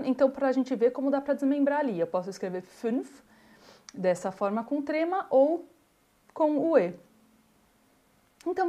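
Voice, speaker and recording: A woman gives a pronunciation lesson, sounding each example word out slowly and repeating it. Her voice sits a little high, with a soft, mellow tone. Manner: models words slowly, repeats them. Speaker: German teacher.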